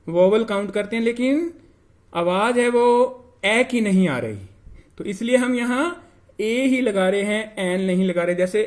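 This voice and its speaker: Slow, high-voiced male grammar teacher. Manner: repeats example words slowly and deliberately; mixes English phrases into his explanation. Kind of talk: classroom lesson explaining grammar rules.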